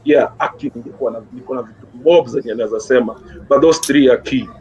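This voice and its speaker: This Kenyan man speaks fast in a medium-pitched, slightly mellow voice. He's a music guest in a casual interview, encouraging and repetitive, mixing English with Swahili slang, and the recording is muffled with clear background noise.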